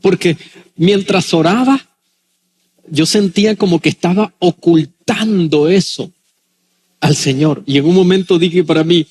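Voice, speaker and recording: During a sermon to his congregation, a pastor acts out the people he quotes and slows down for dramatic pauses. His voice is high for a man, a little husky, and a little mellow.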